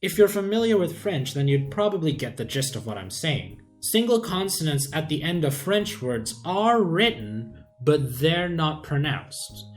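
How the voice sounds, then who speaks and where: A man explaining the sound system of his invented language in a casual, thinking-aloud way, pausing often with "uh". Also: a little high, sing-song. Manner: unhurried, thinking aloud with many "uh" pauses. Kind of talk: casual screen-share explainer. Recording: faint background music.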